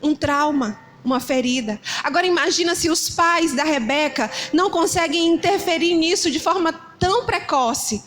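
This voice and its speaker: High-voiced woman pastor preaching. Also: moderate pace, hardly any pauses. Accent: Brazilian Portuguese, Ceará. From Brazil. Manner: animated storytelling, acting out shouting parents. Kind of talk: sermon.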